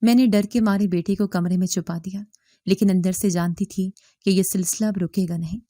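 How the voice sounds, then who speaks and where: A woman's voice: mid-range voice, fairly even intonation, mellow, no room sound. A woman narrating a scripted first-person story as an anxious mother, in an earnest storytelling manner.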